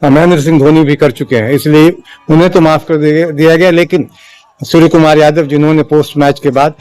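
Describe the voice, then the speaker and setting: A man giving a spoken opinion commentary in a measured, halting way, with frequent restarts and fillers. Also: a little high, fairly even intonation, darkish tone, smooth, no room sound. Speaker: political commentator.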